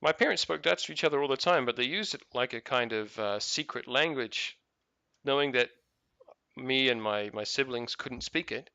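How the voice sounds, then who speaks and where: Bright, crisp New Zealand man rambling. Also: medium pitch, normal speed, no room sound, highs cut off. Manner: rambling, many fillers and restarts. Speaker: gaming video host. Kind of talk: casual commentary while playing.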